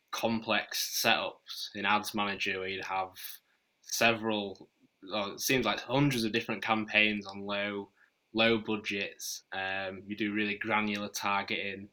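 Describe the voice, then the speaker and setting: A man with a Northern English accent, answering podcast interview questions in a measured, explanatory way with frequent fillers. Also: lowish voice, sharp tone, rough recording. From Northern England. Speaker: podcast guest, marketing chief.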